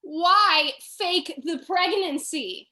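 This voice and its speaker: A woman's voice: very high voice, drawn-out words, sharp tone, full character voice. A woman acting an exasperated, clumsy young woman with incredulous outbursts. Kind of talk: audio drama acting.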